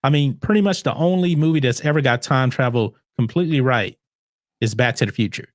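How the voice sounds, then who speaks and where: A man hosting a casual movie podcast, animated and incredulous, often restarting his words. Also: mid-range voice, fairly quick, no room sound, clean studio sound. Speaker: podcast host.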